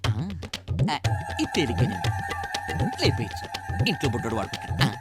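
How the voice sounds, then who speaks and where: An actor playing a brisk officer in a film comedy, giving short commands while searching a house. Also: male voice, mid-range voice, big pitch swings, lightly acted. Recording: film audio with loud music.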